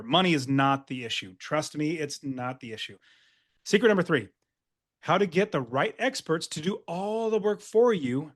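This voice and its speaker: A man's voice: on the high side, a bit bright. A man coaching real estate investors in an upbeat, emphatic webinar sales presentation.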